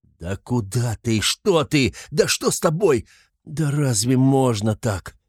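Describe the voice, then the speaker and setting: A man voicing an agitated, loyal young male friend in an audiobook, with loud outbursts. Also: mid-range voice, lively intonation, slow pace, husky, no echo, studio quality, pitched above the performer's own voice. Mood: bewildered.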